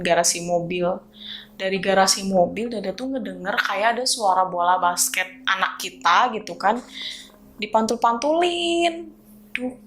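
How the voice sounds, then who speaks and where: A woman with a Sundanese-tinged Indonesian accent recounts a spooky episode in a casual, animated way. She keeps a mid-range voice and switches into voices for the people she quotes. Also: medium pitch. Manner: animated, acts out the dialogue in changed voices. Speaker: guest storyteller. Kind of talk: casual ghost-story telling.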